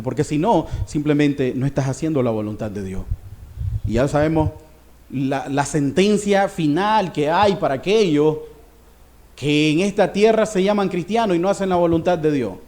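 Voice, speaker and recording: A male pastor preaching a sermon, swinging between raised passages and hushed ones. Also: on the high side.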